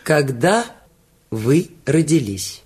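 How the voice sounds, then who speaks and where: A man voicing a cool, stern theatre secretary in an audiobook, speaking quietly and curtly. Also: a little high, animated, slow, slightly rough, heavily acted. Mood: cold. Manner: quiet, dry, curt.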